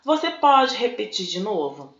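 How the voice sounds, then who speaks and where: A woman's voice: mid-range voice, sing-song, unhurried. A woman voicing a flustered husband on a phone call, reading aloud from a comic strip. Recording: dull, echoey room recording.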